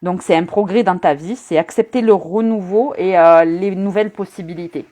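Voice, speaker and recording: Low-pitched chatty woman reading runes. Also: moderate pace, dark tone. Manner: chatty and teasing, addresses viewers directly; frequent hesitation fillers. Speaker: rune reader. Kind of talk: casual live-stream rune reading.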